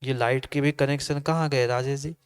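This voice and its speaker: A man's voice: medium pitch, fairly even intonation, moderate pace, clean tone. Resonant, exhorting male preacher. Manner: exhorting, repeats phrases for emphasis. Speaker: Jain monk giving a discourse. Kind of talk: sermon. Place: assembly hall.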